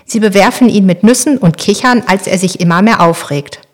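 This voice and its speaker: A woman narrating a children's audiobook in a calm, clear storytelling manner. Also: medium pitch, a little fast.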